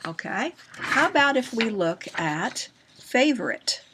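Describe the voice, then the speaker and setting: A woman teacher giving a recorded grammar lesson, patient and slow, often checking in with questions to her students. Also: fairly high pitch, very animated, fairly bright tone, husky.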